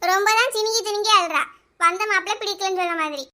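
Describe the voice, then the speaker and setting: A woman voicing a bossy, teasing female friend in a cartoon, with a Kanyakumari Tamil accent and a scolding, brisk way of talking. She keeps ordering and mocking her weepy friend. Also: extremely high pitch, sharp tone. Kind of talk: cartoon voice acting.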